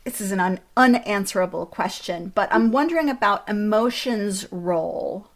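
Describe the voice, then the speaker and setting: A woman interviewer speaking conversationally, with thoughtful and measured phrasing. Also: medium pitch, animated.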